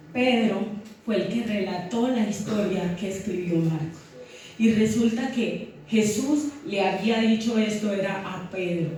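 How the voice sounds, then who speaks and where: A woman preaching to her congregation and stopping to put questions to them. Her voice of middle pitch comes from some way off the mic and rings through a hall full of echo. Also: a little mellow, slight background noise. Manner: teaching, asks congregation questions. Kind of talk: sermon. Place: church. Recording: echoey church hall, mic from far off.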